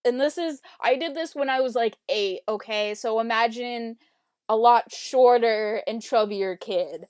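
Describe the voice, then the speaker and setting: A woman's voice: fairly high pitch, measured pace, smooth, no echo. A young woman co-hosting a casual group podcast, chatty and giggly, often laughing at herself. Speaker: podcast co-host. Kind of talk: casual group chat over voice call.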